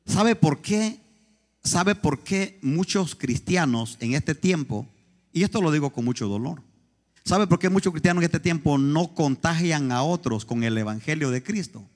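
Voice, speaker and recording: A man's voice: a little high, lively intonation, unhurried, big-room sound. A man preaching a sermon as pastor, emphatic, asking the congregation questions again and again.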